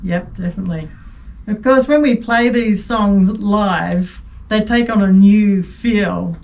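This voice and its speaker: A woman's voice: mid-range voice, slow pace, creaky, a little mellow. A woman, a band member who plays keyboard, chatting casually in an upbeat way and laughing along. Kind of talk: casual conversation. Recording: dull, distant mic with faint noise.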